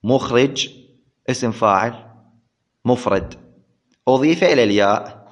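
A man's voice: medium pitch, lively intonation, moderate pace. Man teaching grammar, repeating himself. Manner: repeats key words, asks questions and answers them himself. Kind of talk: classroom lesson explaining a text. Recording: dull lo-fi recording.

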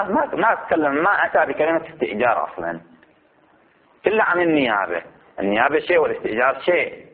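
A man teaching a religious jurisprudence lesson. He reads the text slowly, then explains it in a conversational way. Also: mid-range voice. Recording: phone-like lo-fi audio.

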